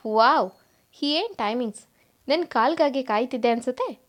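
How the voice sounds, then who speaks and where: Woman reading a sneering phone villain guy, teasing and cold, high voice. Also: expressive, moderate pace. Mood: taunting. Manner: teasing, sneering, then curt. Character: mocking male villain on the phone.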